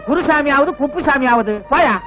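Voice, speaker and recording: A man's voice: very high voice, normal speed, highs cut off, over music. An actor playing a greedy, money-minded male guru who talks to pilgrims with scorn, in 1980s film dialogue. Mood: scornful. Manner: scornful, mocking.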